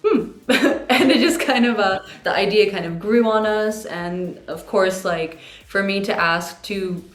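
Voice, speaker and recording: A woman's voice: medium pitch, a little slow, reverberant, soft background music. A young woman from the Czech Republic, a band singer, chatting casually in an interview and often laughing and quoting herself. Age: young adult.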